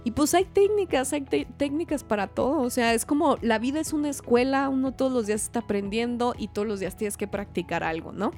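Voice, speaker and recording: A woman from Chihuahua, hosting a podcast in lively, slangy casual chat with faint music behind. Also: fairly high pitch, fairly quick, hardly any pauses. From Chihuahua, Mexico. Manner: chatty, animated, laughs often, slangy. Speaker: podcast host.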